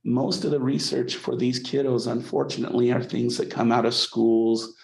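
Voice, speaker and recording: A man's voice: medium pitch, flat delivery, moderate pace, creaky, a little mellow, reverberant, rough recording. A man teaching a college psychology class in a conversational way, often checking in with the students by asking "okay?". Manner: conversational, frequent "okay?" checks, repeats words when restarting. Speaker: psychology instructor. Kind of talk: college lecture.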